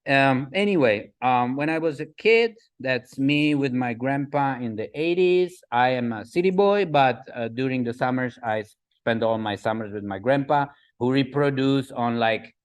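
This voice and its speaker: A man in his forties from the Republic, giving a slide talk as a guest speaker, halting with fillers and often asking "right?". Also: mid-range voice, expressive, smooth. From Czech Republic. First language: Czech. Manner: halting, many fillers and restarts, asks "right?". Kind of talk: presentation with slides.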